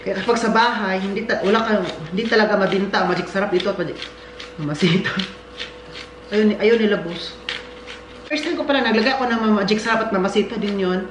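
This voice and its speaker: A woman's voice: mid-range voice, quick pace. A woman from the Philippines, rambling chattily as she cooks and talks to her viewers. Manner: rambling, chatty, laughs often. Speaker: vlogger. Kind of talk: casual cooking chat. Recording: echoey room with loud background noise.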